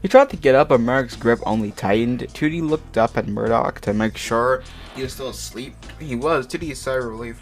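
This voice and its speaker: A man with a medium-pitched voice hosts a comic dramatic reading of fan fiction aloud for an online video, speaking fairly quickly over background music. He stumbles over words and breaks into slangy, profane, exasperated side comments.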